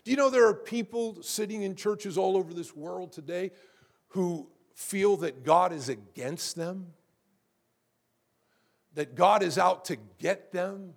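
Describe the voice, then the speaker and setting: Gravelly high-voiced preacher. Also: male voice, unhurried. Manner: repeats words when building up, asks the congregation "how many know"; rises in pitch and volume to preach with force. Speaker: pastor. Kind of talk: sermon.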